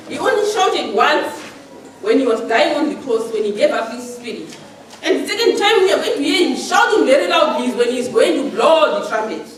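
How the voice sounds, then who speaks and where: A woman preaching a sermon in a church hall, animated and laughing often as she talks. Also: sits high, slight background noise. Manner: animated, laughing often, acting out shouted commands. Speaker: lay preacher. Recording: echoey church hall, mic far off, congregation audible.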